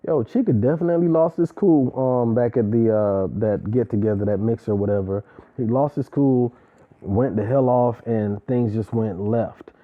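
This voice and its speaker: A man recaps a reality show casually and with strong opinions, speaking emphatically in slang and slipping in preachy asides. His mid-range voice moves at normal speed, and the recording sounds tinny, like a phone.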